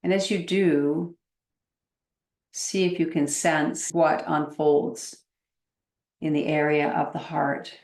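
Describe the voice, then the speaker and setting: This is a woman guiding a meditation, unhurried and gentle, with long gaps between phrases. The space sounds open and echoey, and her low voice keeps a level tone.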